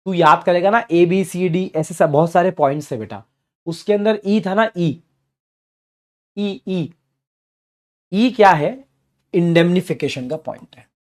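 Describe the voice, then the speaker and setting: A man teaching a live online class, answering student questions and repeating key points while sometimes acting out the parties in loud voices. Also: high-pitched, a little slow, long pauses. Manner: repeats key phrases to drive points home.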